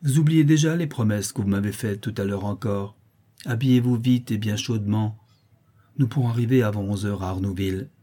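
A man reading an audiobook voices a kind, motherly woman who soothes and gently scolds, in a warm, husky voice. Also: lowish voice, a little fast, close to an everyday voice. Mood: soothing.

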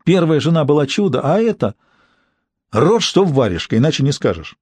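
A man's voice: a little high, big pitch swings, fairly quick, a little mellow, slightly rough, dry recording, voice pushed up. A man doing a crude, griping, boastful husband. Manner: coarse, folksy, complaining. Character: boorish middle-aged man, crude and boastful.

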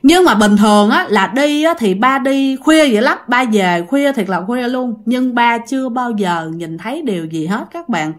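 A woman's voice: fairly high pitch, animated, normal speed, hardly any pauses. A woman casually telling a ghost story, talking straight to her listeners with many fillers. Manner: chatty, addresses listeners directly, many fillers.

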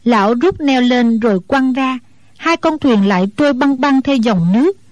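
A woman narrates a martial-arts novel in a steady, even storytelling voice. Her pitch sits a little high. The recording is dry and close. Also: moderate pace, no echo.

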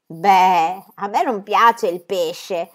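A woman's voice: on the high side, very animated, normal speed. A woman reading a sensible young boy. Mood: plain.

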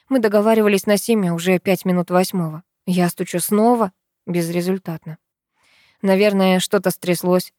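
A woman's voice: fairly low pitch, a little mellow, no echo, clean studio sound. Woman reading an emotional first-person story.

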